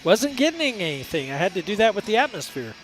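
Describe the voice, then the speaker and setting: A man talking casually as a sports broadcast commentator, in relaxed booth banter. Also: high voice, fast, soft background music, rough recording.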